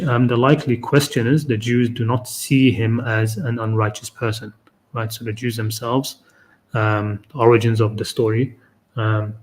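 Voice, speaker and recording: A man with an ordinary mid-range voice talks through his ideas on an unscripted live stream. He pauses often, fills gaps with "um," and keeps checking in with his listeners with "okay?" and "right?". His tone is explanatory and unhurried, as if he is reasoning aloud. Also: medium pitch, a little mellow. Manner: halting, frequent "um" and tag "okay?". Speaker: host of a Quran reflection series.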